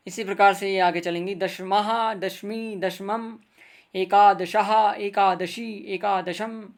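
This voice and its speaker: Slow, careful male teacher. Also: high-pitched, fairly even intonation. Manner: careful, drawn-out recitation of word forms; patient, addresses viewers directly. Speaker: Sanskrit grammar teacher. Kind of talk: recorded video lesson.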